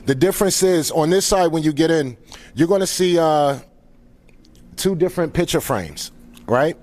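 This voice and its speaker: A man's voice: on the high side, animated, normal speed, darkish tone. A man speaking as a founder presenting at a live event, informally welcoming guests in an earnest, grateful way.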